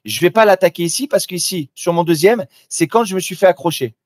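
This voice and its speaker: A high-pitched, slightly mellow male voice moves briskly with lively intonation as he comments on a live trading demo. He talks informally to the listener and often restarts, and the studio-quality recording has no room sound.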